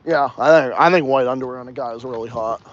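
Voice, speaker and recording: Walking as he talks, this young podcast host rattles on at a fast clip, cursing often, in a slightly Southern Texas accent during an easygoing outdoor livestream. His voice sits in the middle range, the audio has its highs cut off, and there's a bit of hiss or hum.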